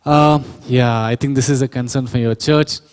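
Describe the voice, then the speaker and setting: A man's voice: medium pitch, steady tone, normal speed, clear, resonant tone, in a large hall. A man giving a workshop lecture on sound engineering, explaining step by step, correcting himself and quizzing the audience. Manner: explanatory, self-correcting, asks the audience questions. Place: church hall or auditorium.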